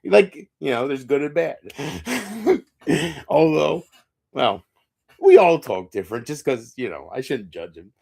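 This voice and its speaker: A man's voice: medium pitch, sing-song, measured pace, gravelly, long pauses, dark tone, dry recording, studio quality. A man livestreaming alone, talking drunk, rambling and profane with his chat.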